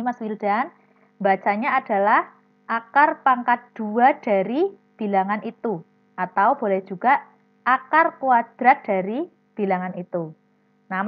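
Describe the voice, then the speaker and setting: A woman with a fairly high voice teaches a primary class over a video call, patiently walking the pupils through each step and calling on them by name. The audio is dull and lo-fi, with a faint mains hum under it. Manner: patient, explains step by step, calls students by name.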